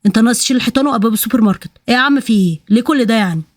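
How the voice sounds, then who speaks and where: A woman's voice: a little high, very fast, no room sound, studio quality, lightly acted. A woman voicing a grumpy, stingy male thief who complains sarcastically in Egyptian Arabic. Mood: mocking.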